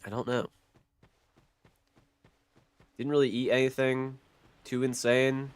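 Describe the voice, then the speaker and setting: Streaming a game with a stuffy nose, a young man talks in a clear, resonant, medium-pitched voice that barely moves, keeping a slow pace. His casual chat is laid-back, full of swearing and repeated phrases. The recording is dry, with faint music in the background.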